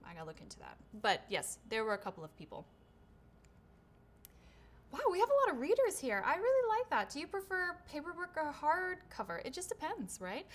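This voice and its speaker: A woman voice actor, a native English speaker, hosts her own livestream Q&A on a shotgun studio microphone. Her high-pitched voice swoops wildly and moves briskly as she reads viewer questions aloud and answers in a chatty, upbeat way, often saying "right?" and "um."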